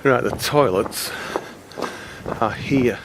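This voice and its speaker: A man's voice: mid-range voice, takes it slowly. A man giving casual, chatty commentary as he walks outdoors filming a vlog. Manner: chatty, colloquial. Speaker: vlogger. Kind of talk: casual walking commentary to camera and passers-by. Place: outdoors, walking through town streets. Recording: very noisy outdoor street with traffic.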